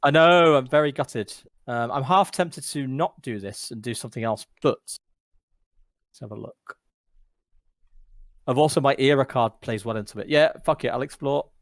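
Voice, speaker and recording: A man's voice: mid-range voice, normal speed, pauses often, dry recording, studio quality. A man, joking and swearing as he walks his friends through the rules of a board game over a voice call. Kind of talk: casual gaming chat over voice call.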